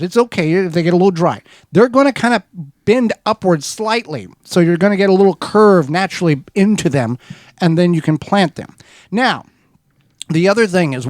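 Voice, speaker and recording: Brief: male radio co-host, slightly high voice, dry studio sound, patient how-to explainer. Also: no room sound. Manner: steady, methodical how-to explaining with small restarts. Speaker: co-host of a gardening radio show.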